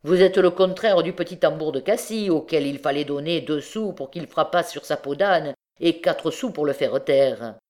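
A woman's voice: low-pitched, normal speed, few pauses, a little mellow, natural voice. A woman reading an audiobook, voicing a sly, mocking old male beggar turned bandit. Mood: teasing.

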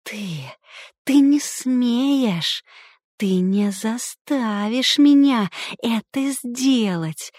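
A woman's voice: a little high, extremely slow, darkish tone, dry recording, voice pushed up. A woman reader voicing a hysterical young woman who screams and hisses in frantic outbursts, recorded on a close, dry mic.

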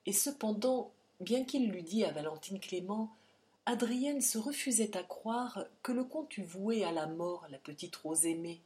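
A woman reading a novel aloud in measured, theatrical storytelling narration. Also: medium pitch, expressive, warm tone. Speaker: audiobook narrator. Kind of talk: scripted dramatic narration.

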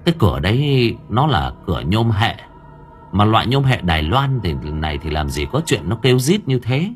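A man narrating a story with lively, expressive storytelling. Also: lowish voice, moderate pace, faint music behind. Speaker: audiobook narrator.

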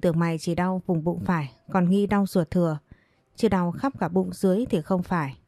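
Woman reading as a blunt young master doctor, commanding, low warm voice, dry close sound. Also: moderate pace, no echo, close to an everyday voice. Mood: stern. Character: young male master who is a doctor, bossy.

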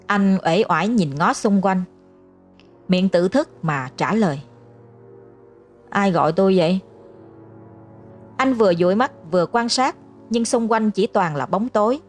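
A woman telling a scripted ghost story in a steady, even narration. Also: mid-range voice, normal speed. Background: faint music.

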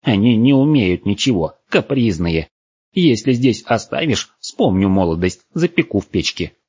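Creaky, grumpy old forest witch, a man putting her on for a storybook; slow scolding drawl, husky edge. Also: on the low side, very animated, darkish tone, no echo. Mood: grumbling. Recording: dull, dry lo-fi recording.

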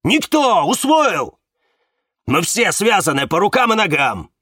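A hot-tempered man who explodes into yelling, voiced by a male narrator. Pitched up and loud, swinging hard between words. Dry close sound. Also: wildly swooping pitch, unhurried, dry recording, exaggerated voice. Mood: furious.

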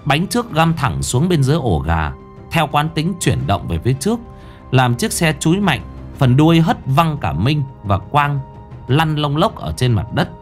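A man's voice: a little high, sing-song, moderate pace, soft background music. A man narrating a ghost story in a dramatic storytelling manner.

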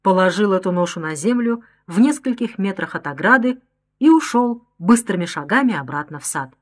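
A woman reading a novel aloud as an audiobook narrator, in an expressive, dramatic storytelling manner. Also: medium pitch, moderate pace. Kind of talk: scripted narration.

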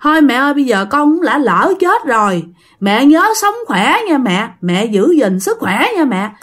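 A woman with a Southern Vietnamese accent voicing the vengeful ghost of a drowned young man, speaking through a villager in a told ghost story, shrill and accusing. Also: sing-song, moderate pace. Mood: wailing.

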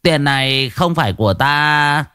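A man's voice: a little high, lively intonation, a little slow, bright, forceful tone, dry recording, studio quality, voice pushed up. A man voicing a cunning, sweet-talking young trickster. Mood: coaxing. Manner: coaxing, smooth-talking.

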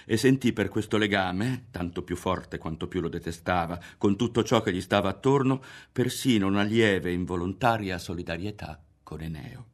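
Deep-voiced man reading a novel. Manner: measured, expressive reading. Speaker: audiobook reader. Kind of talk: literary narration.

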